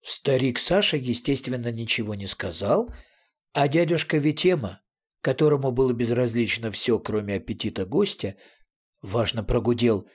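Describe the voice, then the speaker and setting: Male narrator, husky voice, dramatic storybook reading. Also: medium pitch, moderate pace.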